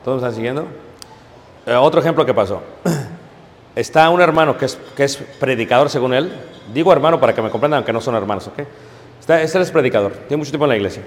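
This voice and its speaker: A man preaching to his congregation, telling stories and calling them brothers, swinging between hushed asides and loud emphatic peaks. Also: mid-range voice, quick pace, long reverb tail, a little hiss or hum. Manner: storytelling, addresses congregation as brothers, frequent "¿ok?". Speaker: pastor. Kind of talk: sermon.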